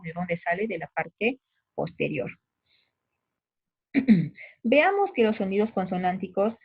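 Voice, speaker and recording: Husky woman teacher, tinny recording. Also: mid-range voice. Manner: patient, demonstrates sounds aloud, checks in with the listener. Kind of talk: recorded phonetics lesson.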